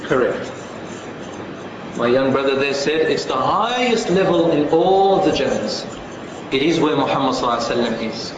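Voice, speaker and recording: A man delivers an Islamic sermon in a solemn, emphatic preacher's manner, placing deliberate pauses between phrases. His voice sits slightly high for a man. The recording is heavily reverberant, as in a large hall, with clear background noise. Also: highs cut off. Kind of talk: sermon to a live congregation. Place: large echoing room before an audience.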